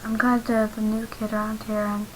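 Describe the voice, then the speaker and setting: A shy, masked teenage boy, as a woman reads him out, speaking softly and hesitantly. His delivery stays quiet and even, with a flat melody. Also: a little high, moderate pace, a little hiss or hum, lightly acted, poor audio. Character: shy, soft-spoken teenage boy in a mask.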